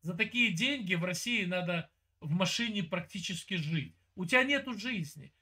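Speaking at a moderate pace, a Russian chat roulette streamer from Siberia, a man in his fifties, uses a high-pitched, expressive voice that sounds pushed and bright. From a room at home, he lectures insistently over a webcam video call, talking over the other person in a heated argument.

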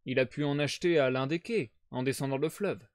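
A man playing a sharp, self-assured male detective, in a brisk, reasoning manner. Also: medium pitch, dry recording, studio quality, natural voice. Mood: coaxing.

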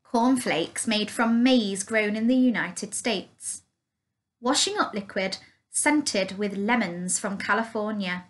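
A woman reads a children's picture book aloud, taking her time over every sentence. Her voice is bright and slightly high, with a clear, careful delivery. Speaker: storyteller.

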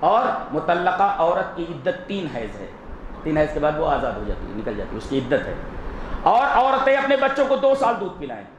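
A male Islamic scholar lectures with emphasis, posing questions and answering them himself. His voice sits fairly high and swings widely in pitch. The recording carries a roomy echo and a faint hum behind him. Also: very animated, moderate pace, dull audio. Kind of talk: religious lecture on family law.

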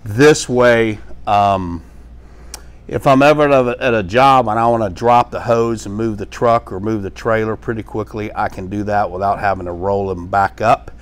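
This middle-aged pressure washing instructor has a fairly low, clear and resonant voice with fairly even intonation at a moderate pace. He demonstrates equipment hands-on in a small indoor workshop with tool shelves, chatting casually with fillers and restarts as he goes.

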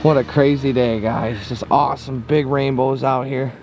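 A young man hosting a fishing vlog from a small boat outdoors, talking excitedly to viewers. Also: mid-range voice, moderate pace, faint music behind. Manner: excitable, shouts and laughs when a fish bites. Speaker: fishing channel host. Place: small boat on a river below a dam, outdoors.

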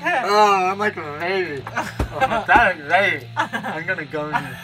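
Guy laughing thru his words, mouth propped open so its slurry, really lively up and down pitch. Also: a little slow. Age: 30s. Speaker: vlog host. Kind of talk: casual joking chat during a challenge game. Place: small indoor space, RV. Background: music.

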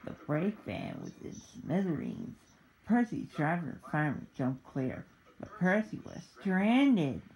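Woman narrator, slow halting reading, lowish voice, faint music underneath. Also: big pitch swings, darkish tone, a little hiss or hum, poor audio. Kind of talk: storybook reading.

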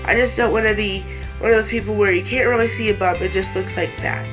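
A woman in her late teens, close to 18, rambles to camera for her vlog from a small bedroom indoors, casual and hesitant and quick to get distracted. Her congested, mid-range voice holds a steady tone and moves fast over background music.

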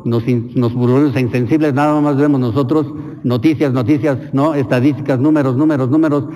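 A Mexican priest preaching an informal homily, colloquial, earthy and blunt, with slang. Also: male voice, mid-range voice, steady tone, a little fast, mellow, long reverb tail, highs cut off. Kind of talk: informal homily and prayers at Mass. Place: chapel.

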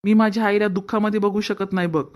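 A woman's voice: medium pitch, steady tone, fast talker, darkish tone, lightly acted. A woman voicing an earnest, dutiful young husband and son in a cartoon family drama, lecturing his wife.

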